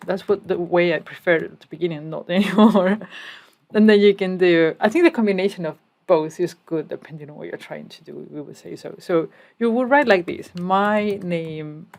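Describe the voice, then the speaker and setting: Her voice is mid-range with a darkish tone. She is a programming instructor from Spain, giving a laid-back coding tutorial step by step while typing and tossing in casual asides.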